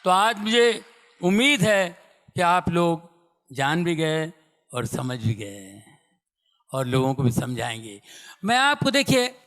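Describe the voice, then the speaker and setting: A middle-aged man preaching a sermon and sharing his testimony, speaking emphatically and repeating phrases as he swings from loud to hushed. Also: fairly high pitch, very animated, slow pace, long pauses. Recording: long hall reverb.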